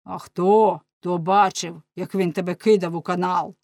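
A woman reading an audiobook voices an indignant, blunt man who accuses slowly. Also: fairly low pitch, steady tone, creaky, a little mellow, dry recording, clean studio sound.

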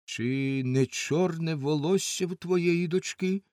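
A man reading an audiobook and voicing a rough outlaw yeoman, who talks in a blunt and forthright way. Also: a little high, slow pace, a little mellow, no room sound, clean studio sound, pitched above the performer's own voice. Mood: questioning.

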